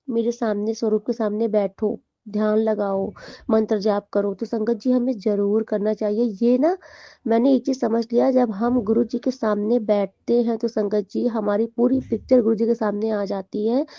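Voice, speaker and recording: A woman's voice: on the high side, dry recording, dull audio. A young woman telling her congregation a devotional testimony, chatty and full of fillers and self-corrections.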